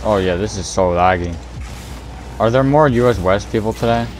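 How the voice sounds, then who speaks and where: A man streaming a car-soccer game, chatting casually to his viewers in an excitable, slangy way and giggling often. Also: fairly low pitch, moderate pace, a little hiss or hum. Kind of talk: casual gameplay commentary.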